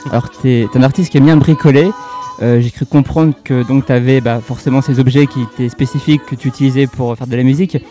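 A man hosting a live radio interview from an outdoor festival, relaxed and casual, laughing easily. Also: medium pitch, fast, faint music behind. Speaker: radio host.

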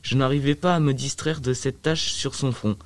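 A man's voice: medium pitch, steady tone, moderate pace. Man narrating a novel, reflective. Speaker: audiobook narrator. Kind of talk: first-person audiobook narration.

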